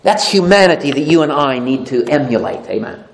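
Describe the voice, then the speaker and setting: A preacher giving a sermon, reading scripture aloud and repeating phrases for emphasis, moving between loud emphasis and soft low asides. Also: lively intonation, a little fast, creaky, a little hiss or hum. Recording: echoey room.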